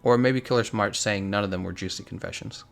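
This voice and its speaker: A man casually chatting on a live game stream, reading out and answering viewer comments in a relaxed, chatty way. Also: on the low side, brisk, gravelly.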